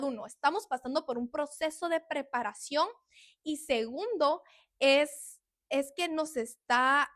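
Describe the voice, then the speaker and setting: High-voiced woman sharing testimony. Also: no echo, clean studio sound. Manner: emotional, confessional, with soft laughs. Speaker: podcast host. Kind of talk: personal faith testimony.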